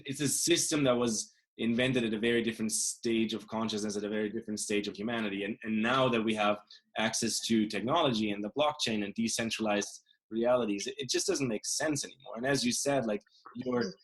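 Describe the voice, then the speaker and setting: Male host from Germany, somewhat low voice, thoughtful and stop-start. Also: breathy edge. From Germany, Bavaria. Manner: reflective, halting with repeated words. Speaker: podcast host. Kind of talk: casual interview talk.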